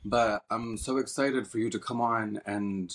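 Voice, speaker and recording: Male podcast host, husky voice, effusive and filler-heavy. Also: on the low side, fairly even intonation, measured pace. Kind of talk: podcast interview.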